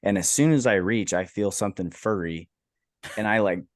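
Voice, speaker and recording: A man's voice: on the low side, moderate pace, no echo, studio quality. A laid-back man from Iowa, a podcast co-host, telling a story in casual chat and saying "like" and "man" a lot. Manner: laid-back, fills his talk with "like" and "man".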